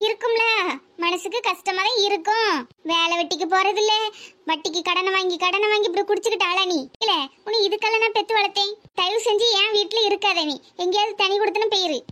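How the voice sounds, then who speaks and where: A stern village mother in a cartoon drama, voiced by a woman, with a very high, piercing voice. She fires off rapid rebukes and sharp-tongued scolding. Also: steady tone.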